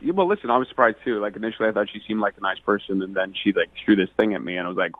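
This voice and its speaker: A man's voice: lowish voice, racing, no echo. Worked-up man on a phone line. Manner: indignant, increasingly worked up. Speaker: caller. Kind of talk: phone call on a radio show.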